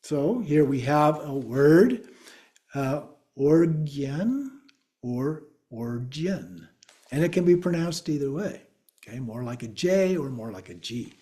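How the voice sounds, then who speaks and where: Male teacher, slightly high, warm mellow voice, unhurried explaining delivery for a class lesson. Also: lively intonation. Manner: patient, explaining step by step, checks in with "okay?". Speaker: Buddhist teacher. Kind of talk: class lecture on pronunciation.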